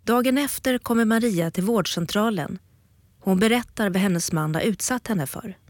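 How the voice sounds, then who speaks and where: A woman narrating a documentary in a calm, measured storytelling voice. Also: mid-range voice, no echo, studio quality. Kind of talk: scripted narration.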